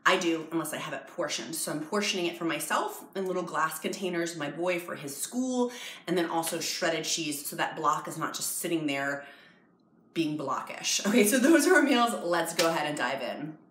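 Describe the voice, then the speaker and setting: A woman's voice: deep voice, expressive, moderate pace, fairly bright tone, echoey room, rough recording. A woman, chatting bubbly and jokey to the camera in a home cooking vlog. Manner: chatty, bubbly, jokey, addresses viewers as y'all. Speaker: vlogger. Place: home dining room.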